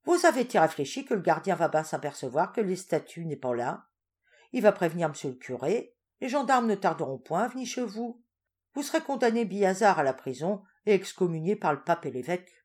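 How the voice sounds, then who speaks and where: A woman performs a malicious old farmer in a spoken storybook. He teases and warns in rustic country dialect. His voice is pitched raised and loud. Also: sing-song, a little fast, husky. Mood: mock-solemn. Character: sly old male farmer, teasing and malicious.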